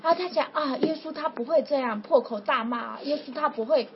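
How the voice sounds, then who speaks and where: A woman preaching informally to a small group, telling a story in a chatty, animated way. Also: high voice, fairly quick. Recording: dull lo-fi with faint noise.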